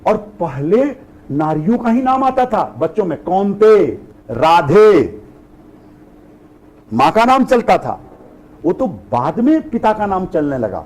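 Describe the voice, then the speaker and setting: A middle-aged man leads a spiritual discourse in a fairly high voice that swoops up and down with lively expression. He works through a run of rhetorical questions and answers each one himself. English phrases turn up now and then as he preaches. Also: slow, long pauses, rough recording. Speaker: spiritual teacher.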